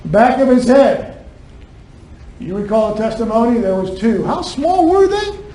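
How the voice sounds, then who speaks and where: High-voiced prosecutor, echoey courtroom. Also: male voice, lively intonation, a little slow, dark tone. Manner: argumentative, fires rhetorical questions at the jury. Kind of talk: courtroom closing argument. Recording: echoey courtroom, distant mic, faint room noise.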